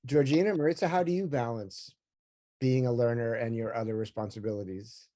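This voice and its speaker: A man moderating a panel discussion, talking in a relaxed, conversational way with many fillers. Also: medium pitch, a little fast.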